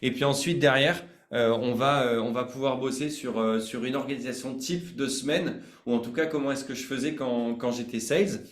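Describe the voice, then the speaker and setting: A man's voice: mid-range voice, normal speed, few pauses, reverberant. A man hosting a live online sales training, chatty and informal, hesitating often with fillers.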